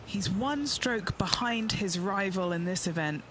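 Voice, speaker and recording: A man's voice: high voice, unhurried, noisy background. A man playing a matter-of-fact on-course golf commentator, giving short, informal reports in a video game.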